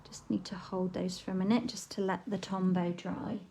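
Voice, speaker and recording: A woman's voice: medium pitch, normal speed, gravelly, a little hiss or hum, poor audio. A woman, with a frog in her throat, giving a live craft tutorial and chatting casually while she works. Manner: chatty, relaxed, talks while working. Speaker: papercraft demonstrator.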